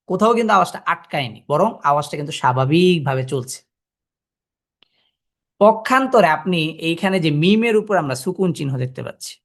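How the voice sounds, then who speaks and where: A man's voice: sits high, a bit bright. A man teaching a Quran reading class, explaining step by step and sounding out letters to demonstrate. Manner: explains step by step, asking the listeners rhetorical questions. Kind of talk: classroom lesson.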